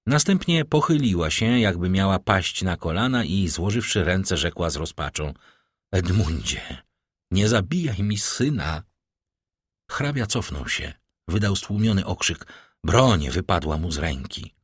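A man reading an audiobook chapter in a measured, dramatic narrating manner. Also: low-pitched, expressive, breathy edge, dry recording, studio quality.

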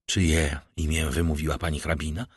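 A man voicing a middle-aged, vengeful nobleman who speaks with icy calm and bitter irony. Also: rumbling low, normal speed, breathy edge, dry recording, studio quality, voice pushed down.

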